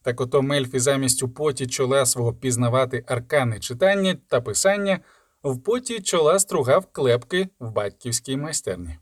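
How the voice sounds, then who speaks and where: A man narrates a fantasy audiobook in a steady storytelling voice. His pitch sits in the middle of the range. The recording is dry and close, with no room echo. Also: normal speed. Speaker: audiobook reader.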